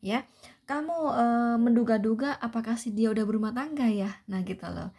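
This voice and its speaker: A woman's voice: fairly high pitch, moderate pace, mellow. A young woman giving a chatty tarot reading to viewers, repeating herself often with many fillers and tag questions. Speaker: tarot reader.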